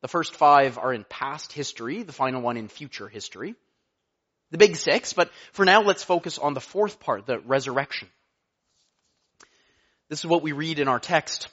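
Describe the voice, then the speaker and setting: A man's voice: on the high side, lively intonation, moderate pace, fairly bright tone, muffled recording. A man preaching a sermon as pastor, earnest, with rhetorical questions and strong rises and falls in emphasis.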